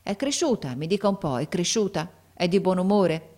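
A woman's voice: fairly low pitch, animated, moderate pace. A woman reading a story aloud, voicing an emotional, anxious father, a gardener who keeps exclaiming. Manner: emotional, exclaiming, rising to near shouts. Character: anxious, overjoyed working-class father, a gardener.

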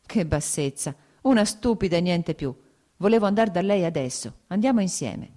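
A woman's voice: on the low side, animated, moderate pace, warm tone, lightly acted. A woman voicing a dismissive brother. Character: nobleman's brother, dismissive and brisk. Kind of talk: audiobook character reading.

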